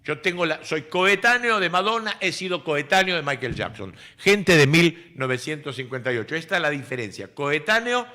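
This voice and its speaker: A man's voice: on the high side, animated, moderate pace, few pauses, bright, forceful tone. An Argentine man in his sixties, a radio host and speech teacher, explaining word usage in a didactic way. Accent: Argentine Spanish. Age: 60s. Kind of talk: casual radio chat.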